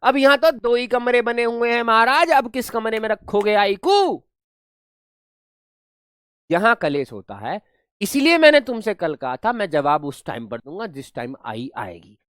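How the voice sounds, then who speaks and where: Animated grammar teacher. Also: male voice, high-pitched, measured pace, smooth, no room sound, studio quality. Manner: animated storytelling, playful, rustic. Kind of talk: live online class.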